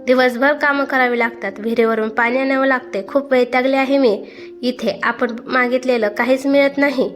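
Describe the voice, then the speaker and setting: A woman's voice: high-pitched, steady tone, normal speed, faint music behind, lightly acted. A woman voicing a rude, demanding young wife who complains shrilly, in a storybook reading. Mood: complaining.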